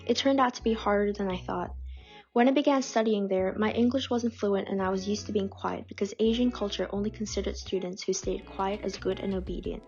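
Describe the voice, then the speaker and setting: A female narrator reads submitted personal stories from a script, calm and measured, with a mid-range pitch. Faint music plays underneath, and the audio is dull and lo-fi.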